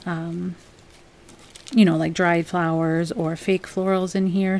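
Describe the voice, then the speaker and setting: A young adult woman hosting a home crafts channel, talking through a project in a relaxed, chatty voice-over with frequent "um"s. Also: lowish voice. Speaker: DIY crafts channel host. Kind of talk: casual voice-over tutorial.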